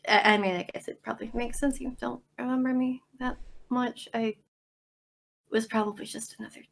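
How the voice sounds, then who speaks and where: A woman voicing a shy, soft-spoken young man in a tabletop role-play, talking hesitantly with stammers and apologies. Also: a little high, fairly even intonation, a little fast, creaky.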